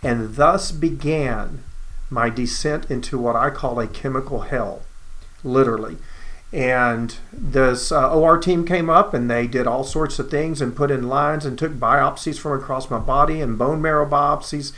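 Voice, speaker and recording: A man's voice: medium pitch, measured pace, fairly bright tone. A man, earnestly telling his own cancer story as personal testimony and acting out the dialogue.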